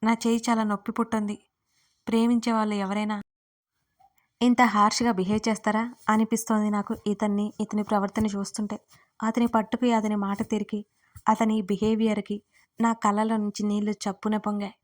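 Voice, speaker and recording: A woman telling a first-person audio story in a steady, even storytelling manner, turning to speak directly to listeners. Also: mid-range voice, fairly quick.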